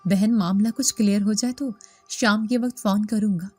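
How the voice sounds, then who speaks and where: A woman voicing a kind, protective male gatekeeper who gives calm, reassuring instructions in a storybook reading. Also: medium pitch, slightly rough, no echo, soft background music, close to an everyday voice. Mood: urging.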